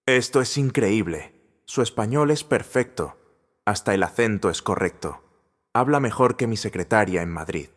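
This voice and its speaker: A man's voice: fairly low pitch, natural voice. A man doing a firm, wealthy businessman. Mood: impressed. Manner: firm and deliberate. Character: wealthy middle-aged businessman, firm and admiring. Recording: long reverb.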